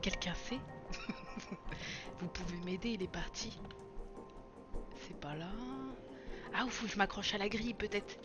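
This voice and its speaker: A young woman chatting through a co-op video game session, excitable and self-mocking, often laughing and shouting at the game. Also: mid-range voice, a little slow, long pauses, over loud music. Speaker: streamer playing a co-op video game. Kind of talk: casual let's-play chatter.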